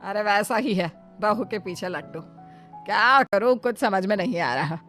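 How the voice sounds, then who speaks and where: A woman's voice: medium pitch, normal speed, fairly bright tone, soft background music, close to an everyday voice. A woman voicing a jealous, theatrical older mother-in-law with a whiny, taunting manner in a cartoon moral story. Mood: irritated. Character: scolding, jealous older Indian mother-in-law, shrill and dramatic.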